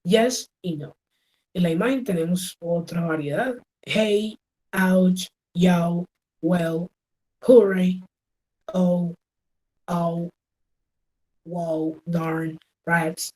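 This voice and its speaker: A Colombian woman teaches English in an online class over a video call, her voice on the low side and warm, very slow with frequent pauses, and the recording quality is low. She explains patiently, switching between Spanish and English with mixed examples, and often checks in with "¿sí?" and "¿ok?".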